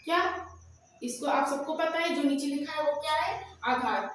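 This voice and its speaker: A woman teaching a math lesson who keeps asking questions and answering them herself, drawing out formulas slowly as she dictates them. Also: sits high, a little hiss or hum. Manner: slow, drawn-out dictation of formulas. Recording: very echoey room, voice from far off.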